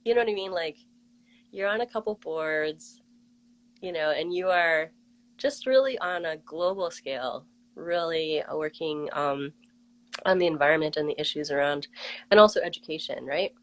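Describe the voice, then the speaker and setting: A woman hosts a casual live interview with a slightly lower voice. She is chatty and bubbly and laughs easily. She tells her stories with lively enthusiasm. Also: moderate pace, poor audio. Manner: bubbly, giggly, chatty storyteller. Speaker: host.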